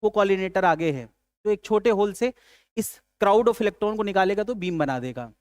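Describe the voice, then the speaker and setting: A man's voice: high-pitched, expressive, moderate pace, a little mellow, clear, resonant tone, no room sound. A male physics teacher giving a casual lecture, chatty, joking and asking and answering his own questions. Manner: chatty, calls students "yaar", asks and answers own questions; jokes with students.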